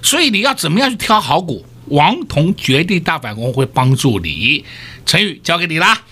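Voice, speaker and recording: A man's voice: fairly high pitch, big pitch swings, moderate pace, pushed and bright, slightly rough. A man hosting a radio stock market show, talking emphatically and firing rhetorical questions at listeners. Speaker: stock market analyst host.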